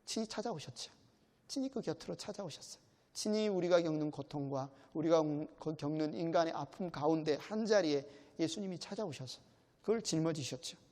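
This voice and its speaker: A man's voice: a little high, a little fast, darkish tone. A male pastor preaching a sermon in a church, earnest and addressing the congregation directly with questions. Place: church sanctuary. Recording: long church hall reverb.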